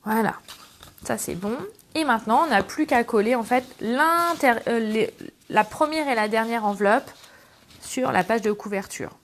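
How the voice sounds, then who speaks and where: On the high side and at normal speed, this middle-aged French channel host leads a casual scrapbooking tutorial, with slight background noise in the clip. As she demonstrates, she keeps up affectionate, chatty talk with her viewers.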